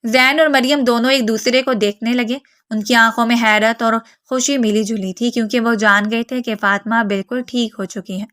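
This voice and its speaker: A woman's voice: on the high side, a bit bright, dry recording, studio quality. Woman narrating a romance novel.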